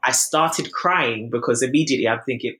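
With a rumbling low voice and slightly quick delivery, a young British woman in her twenties shares her own health story on a podcast. She's frank and lively, performing the voices of those she quotes.

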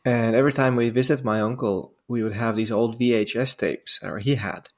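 A man's voice: medium pitch, steady tone, normal speed. A man in his forties from the Netherlands, a native Dutch speaker, telling stories as a guest on a podcast with lots of fillers. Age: 40s. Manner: rambling, self-amused storytelling with frequent fillers. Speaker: guest diving instructor. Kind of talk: casual podcast interview.

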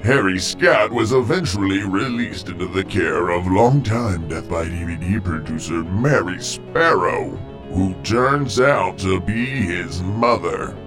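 A very low-voiced man narrates in the manner of an old radio drama. He takes his time, delivering the scripted mystery recap theatrically with suspenseful pauses over music. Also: expressive.

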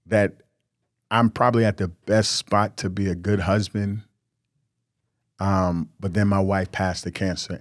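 Earnest low-voiced man giving marriage advice. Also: no room sound, studio quality. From New York. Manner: earnest, preachy and candid, with repeated emphatic words. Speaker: podcast host.

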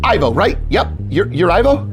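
A man voicing a hyped-up, profane young male bro manager who shouts and swears with manic enthusiasm during a tabletop game. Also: high voice, big pitch swings, moderate pace, soft background music, voice pushed up. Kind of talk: tabletop role-play character voice.

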